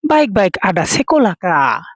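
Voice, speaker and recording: A Bangladeshi language teacher with a medium-pitched voice and wide pitch swings gives a slow explanatory lesson at normal speed. She patiently teaches words and explains each in turn, with no echo.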